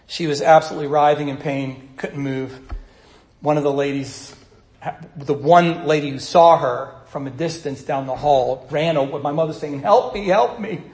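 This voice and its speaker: A man preaching a sermon, teaching in a conversational way and swinging between loud urging and soft asides. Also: on the high side, fairly even intonation, moderate pace, roomy sound. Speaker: pastor.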